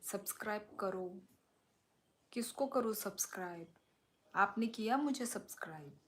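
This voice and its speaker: Young woman from Tripura, unhurried, easygoing live-stream chatter into a phone, medium pitch. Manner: relaxed, chatty, drops to soft whispers at times. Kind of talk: casual live-stream chat with viewers.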